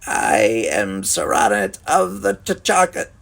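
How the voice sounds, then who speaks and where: A man voicing a solemn alien leader with a raspy voice, speaking slowly and deliberately. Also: fairly low pitch, huge pitch swings, a bit bright, heavily acted. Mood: grave. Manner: slow and deliberate.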